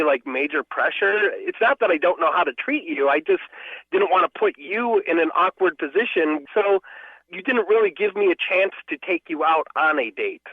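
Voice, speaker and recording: A man's voice: high voice, dry recording. A man calling in to a radio show over the phone, earnestly explaining himself. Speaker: caller. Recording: tinny phone line.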